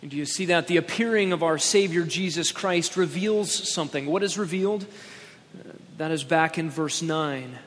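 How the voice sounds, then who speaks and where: Male pastor at a pulpit microphone, slightly high voice, emphatic sermon delivery, long church reverb. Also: fairly bright tone. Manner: emphatic, slowing down on key words.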